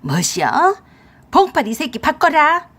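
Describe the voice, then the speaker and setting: A woman doing a shrill, furious older mother-in-law. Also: lively intonation, moderate pace, slightly rough. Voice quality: shrill, shouting. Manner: coarse, scolding. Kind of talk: radio drama acting.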